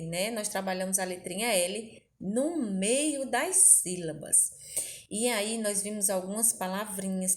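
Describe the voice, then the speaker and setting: A woman teacher from Brazil giving a recorded lesson to young children, speaking gently with lots of diminutives and check-in questions. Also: medium pitch. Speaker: primary school teacher.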